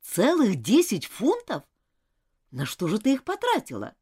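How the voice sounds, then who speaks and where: A woman's voice: mid-range voice, huge pitch swings, moderate pace, a little mellow. A woman voicing a strict, indignant older schoolgirl who questions insistently in a storybook reading.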